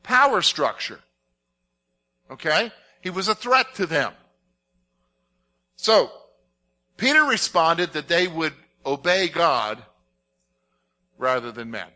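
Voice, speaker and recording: A man teaching a Bible passage as a pastor, animated and posing fill-in-the-blank questions to his listeners. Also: on the high side, slow pace, pauses often. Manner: animated, asks the audience to fill in words. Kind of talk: expository sermon with audience questions.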